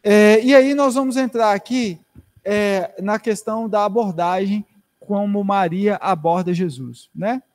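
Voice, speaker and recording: A man's voice: high voice, unhurried, darkish tone. A man with a Brazilian Portuguese accent teaching a Bible class, explaining patiently and often checking in with "né?". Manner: explanatory, many "né?" tag questions.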